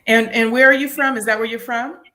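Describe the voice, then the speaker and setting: A woman hosts a relaxed, chatty interview. Her voice sits fairly high and has a very bright, forward tone. She is effusive and encouraging in how she talks. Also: brisk. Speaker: interview host. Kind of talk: casual chat interview.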